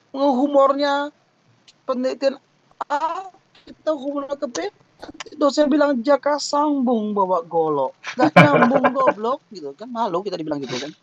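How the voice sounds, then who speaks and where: Thesis defense advice comes in a relaxed, jokey webinar from a man with a high-pitched voice. Lively in manner, he keeps acting out little mock quotes, and his online webinar mic sounds dull with no echo.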